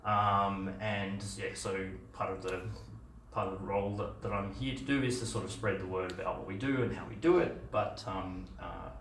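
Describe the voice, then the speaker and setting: Casual and full of fillers and restarts, a middle-aged man with an Australian accent gives a meetup conference talk. His voice is on the low side and a bit bright, with a steady tone and moderate pace. A far camera records him in a dim, echoey room with a projector screen, with a little hiss or hum.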